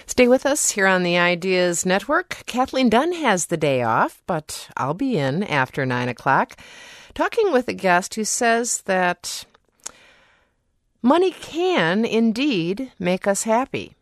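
A woman hosting a radio call-in show with a smooth, polished radio host delivery, reading promos and introducing callers from a studio microphone. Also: medium pitch, big pitch swings, slow, no echo.

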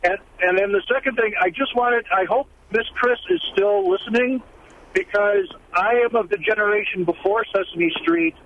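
A middle-aged man from Milwaukee calling in on speakerphone while driving, earnest and halting, with many fillers and restarts. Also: high voice. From Milwaukee, USA. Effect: speakerphone in a moving car, heard over the phone line. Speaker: caller. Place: driving car. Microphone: car speakerphone. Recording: tinny phone line with faint car noise. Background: faint road noise.

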